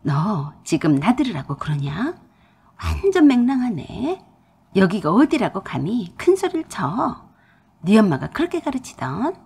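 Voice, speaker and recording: A domineering older mother-in-law scolds her daughter-in-law in a harsh, lecturing tone, voiced by a woman reading the story aloud. The voice is a little breathy and rises and falls widely. It is a storybook figure, not a real person. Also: medium pitch, huge pitch swings, a little slow, darkish tone, heavily acted. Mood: furious.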